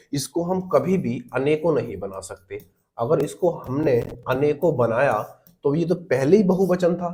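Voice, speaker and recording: Guy teaching exam prep, mellow low-key voice, goes step by step, keeps saying brother. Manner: explains step by step, asks and answers his own questions; calls listeners brother.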